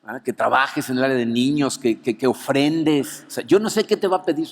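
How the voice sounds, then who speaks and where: Mexican pastor preaching in a reverberant hall. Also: male voice, medium pitch, brisk. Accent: Mexican Spanish. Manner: animated storyteller, peppers lines with "¿no?". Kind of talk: anniversary sermon with personal story. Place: church auditorium. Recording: long reverb of a church hall.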